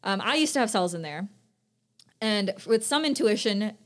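Young woman podcast co-host, casual chat, animated storytelling with acted-out quotes. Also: medium pitch, moderate pace.

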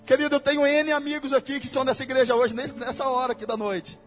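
A Brazilian man preaching in a church with a very high voice. He keeps the sermon casual and full of slang and speaks straight to the congregation. Soft music plays behind him. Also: flat delivery, fast talker. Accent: Brazilian Portuguese. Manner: casual, slangy preaching that addresses listeners directly.

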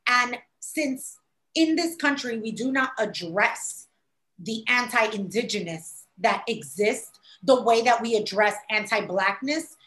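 Speaking slowly at a fairly high pitch, a woman from New York City with a Puerto Rican-tinged local accent makes casual conversation. She animatedly acts out quoted voices, and the echoey room is audible.

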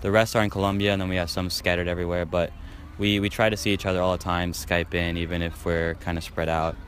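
Man interviewee, very deep and monotone, talks fast. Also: slight background noise.

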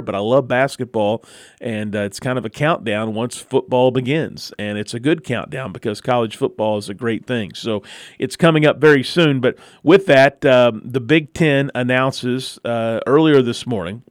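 A man's voice: mid-range voice, moderate pace, no echo, studio quality. An American man hosting a local sports talk radio show, moving between talk and sponsor reads.

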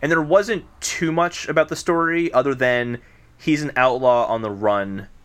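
A man co-hosting a podcast, talking in a relaxed, explanatory way with a few fillers. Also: mid-range voice, normal speed, clear, resonant tone. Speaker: podcast co-host. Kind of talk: casual chat.

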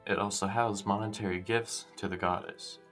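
A man's voice: on the low side, fairly even intonation, moderate pace, fairly bright tone, faint music behind. A man reading out facts in a school presentation. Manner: plain, reads out facts. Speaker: class presenter. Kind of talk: read-aloud school presentation.

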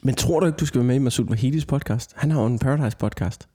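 A man co-hosting a casual podcast chat, rambling through stories with constant tag questions and frequent laughter. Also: mid-range voice. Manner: rambling storyteller, lots of "ikke?" tags; laughs often, gets loud and excited. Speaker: podcast co-host.

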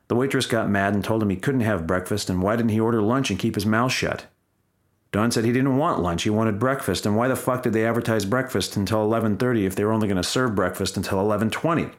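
A man's voice: on the low side, fast talker. A man reading his own comic first-person stories in a wry, blunt and profane manner. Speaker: memoir reader.

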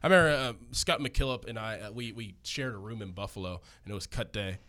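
A man's voice: lowish voice, fairly quick, pushed and bright. A man who used to play pro football, recalling cut days earnestly in a casual chat. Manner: earnest, reflective storytelling. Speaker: former pro football player.

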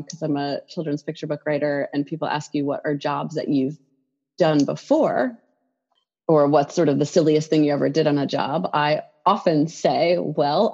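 A woman's voice: low-pitched, a little mellow, muffled recording. A woman who writes children's picture books, chatting in an interview with lots of fillers and restarts. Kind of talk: casual interview conversation.

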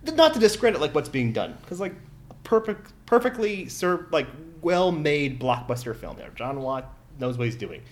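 A man's voice: on the high side, sing-song, moderate pace. A man rambling casually about movies, with many fillers and swears. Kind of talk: casual chat.

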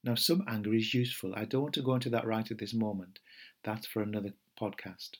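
A middle-aged man, a meditation teacher giving a gentle, unhurried podcast talk with fillers and restarts. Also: fairly low pitch, steady tone, slightly rough.

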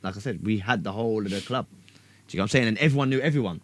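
A man's voice: fairly low pitch, racing, no room sound. A man with a London roadman accent and street slang, telling anecdotes in casual banter, animatedly repeating phrases for emphasis.

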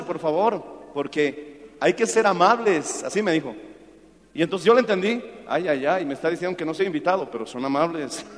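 A middle-aged man from Peru preaching a sermon, telling anecdotes and calling his listeners brother. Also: sits high. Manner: storytelling, addresses listeners as brother. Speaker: pastor. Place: church. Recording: long hall reverb.

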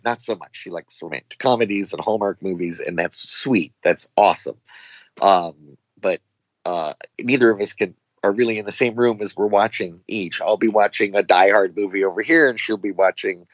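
Low-voiced man telling rambling anecdotes. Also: normal speed, dry recording, dull audio. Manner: rambling, acts out quoted dialogue. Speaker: actor guest. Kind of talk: casual anecdotal chat.

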